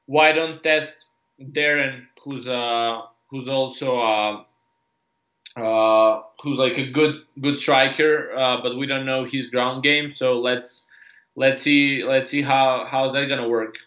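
Bright-voiced Serbian-accented fighter, roomy. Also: male voice, mid-range voice, steady tone, slow pace. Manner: hesitant, many restarts and fillers, earnest. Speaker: MMA fighter. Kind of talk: interview answers. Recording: roomy, dull lo-fi sound.

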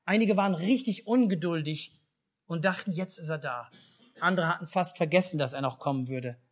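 Lively German storyteller man. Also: fairly high pitch, moderate pace. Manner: lively storytelling, asks children questions. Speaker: pastor. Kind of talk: children's story in a church service.

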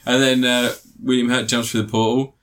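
A man's voice: level tone, normal speed, a bit bright. Rambling, swearing man chatting about films. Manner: rambling, swearing, mimics characters in high put-on voices. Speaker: podcast co-host. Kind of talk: casual film chat.

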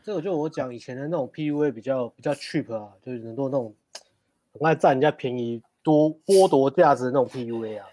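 A man's voice: medium pitch, fast, warm tone, dry recording. A man telling a nightclub story, amused and chuckling. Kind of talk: casual storytelling.

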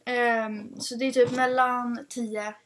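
A young woman talks casually with a friend in a rambling, filler-heavy way. Her voice sits a little high. Faint noise stays in the background. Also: level tone. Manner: chatty, fillers, laughs easily. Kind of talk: casual chat.

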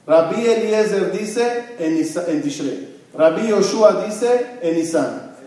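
A man with a fairly high voice teaches a religious lesson, asking the room questions and answering them himself. He weaves Hebrew terms into his talk. The sound is very roomy and echoing, picked up by a mic some distance away. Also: animated, takes it slowly, mellow. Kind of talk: Torah lesson to a congregation. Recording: very echoey room, mic far off.

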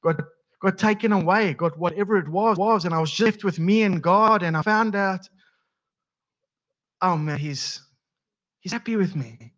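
A man from South Africa with a South African accent preaching a sermon as pastor, halting and often repeating his words. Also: high voice, fairly bright tone. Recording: dull lo-fi sound.

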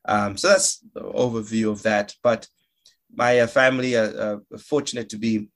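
A young Malawian actor, his voice on the low side and his pace normal, chats as a guest in a relaxed interview. He jokes, laughs a lot, and keeps restarting his sentences.

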